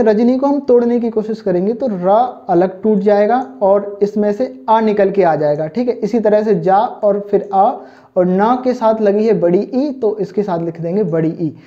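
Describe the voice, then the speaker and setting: In a muffled, dull lo-fi recording, a high-pitched man with a dark tone teaches Hindi online to prepare students for exams, speaking at normal speed. He fondly calls them children and keeps asking "thik hai" and "samajh mein aaya na" to confirm they've got it.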